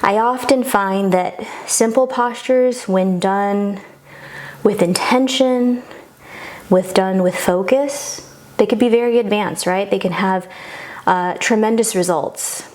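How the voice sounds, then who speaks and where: A woman's voice: mid-range voice, slow pace, a little mellow. A woman yoga instructor guiding a class through poses in an encouraging, reassuring and informal way.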